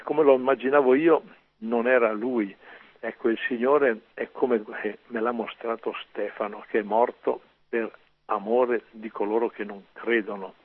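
A man's voice: medium pitch, creaky, husky, no room sound. A man preaching on scripture in an emphatic way, with rhetorical questions and frequent fillers. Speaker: priest. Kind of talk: sermon commentary on scripture. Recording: tinny radio broadcast.

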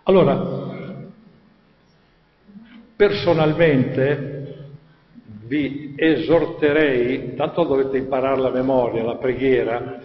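An older man from Alto Adige giving an animated religious testimony to an audience, conversational and lively in his storytelling. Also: medium pitch, slow pace, pauses often. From Alto Adige, Italy. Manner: animated, conversational, acts out quoted voices. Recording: echoey hall, dull sound.

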